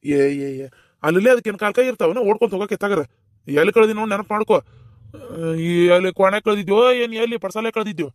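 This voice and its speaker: A woman's voice: medium pitch, very fast, no echo, clean studio sound, close to an everyday voice. A woman voicing a mild, patient village husband who soothes his wife, speaking with a North Karnataka accent. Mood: soothing. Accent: North Karnataka Kannada. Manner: soothing, calm, reasoning.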